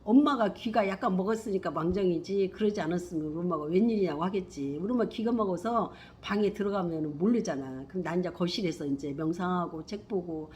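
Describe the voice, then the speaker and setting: A middle-aged woman telling a personal spiritual story in a rambling, emphatic way, swinging from hushed to loud. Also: lowish voice, quick pace, hardly any pauses. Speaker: spiritual vlogger.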